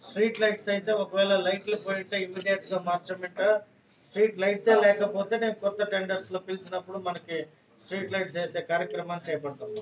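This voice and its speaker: A man's voice: high voice, low-quality recording. A man with an Andhra Telugu accent speaking formally and reassuringly as an official answering public complaints, dropping in English words. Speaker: elected official taking public calls. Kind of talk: phone-in replies and public address. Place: municipal office.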